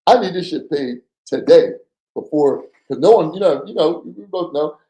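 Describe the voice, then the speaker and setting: A middle-aged man with a fairly high but warm, mellow voice tells stories as a podcast guest. He acts out every exchange and drops casual curses along the way. The room is echoey. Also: normal speed. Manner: animated, acts out quoted dialogue, swears casually. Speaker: podcast guest, former undercover agent. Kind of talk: casual storytelling interview.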